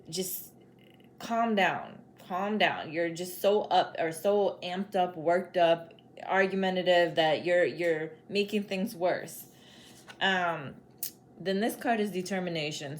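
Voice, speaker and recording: A woman with a somewhat low voice gives a casual tarot reading. She talks in a loose, chatty way, repeating her points and dropping in the odd swear word. A faint noise sits behind her. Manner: chatty, repetitive, peppered with "like" and "spirit is like". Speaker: tarot reader and psychic medium.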